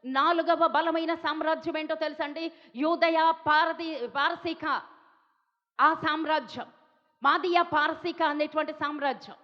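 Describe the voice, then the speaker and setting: A woman from India preaches a sermon in a high voice, firing repeated questions at her listeners. Her voice rings out with a long reverb, as if in a large hall. The sound is dull and lo-fi. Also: steady tone, unhurried. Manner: emphatic, repeats questions to the congregation. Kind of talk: Telugu sermon.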